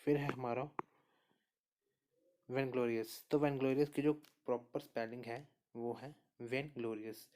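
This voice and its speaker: A man's voice: mid-range voice, moderate pace. Man steadily explaining quiz answers. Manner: steady explainer, repeats answers and says "okay" often. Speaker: exam prep teacher. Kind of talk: spoken lesson walking through quiz answers.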